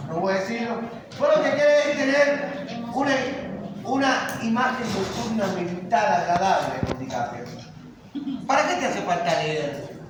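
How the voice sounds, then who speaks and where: Cuban-born male teacher, high voice, emphatic lecturing full of rhetorical questions; distant, very echoey classroom recording with noise. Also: animated, a little slow. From Cuba.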